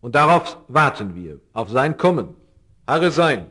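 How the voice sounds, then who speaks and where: A middle-aged man preaching a sermon in an earnest way, his voice rising and falling, and slowing down on key words. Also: very animated, breathy edge. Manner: earnest, rises and drops in pitch and loudness.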